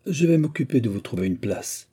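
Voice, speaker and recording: A man voicing an uneasy older country gentleman in an audiobook, speaking in a measured, guarded way. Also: mid-range voice, expressive, slightly rough, voice pushed up.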